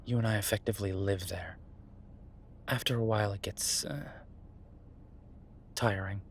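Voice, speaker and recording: Fairly low and fairly even, with vocal fry, the voice belongs to a man playing Beau, the laid-back chef who reassures his werewolf partner. He talks at a moderate pace in a wry, amused, hesitant, conversational way. The naturalistic audio roleplay carries a little hiss or hum and ambient sound effects.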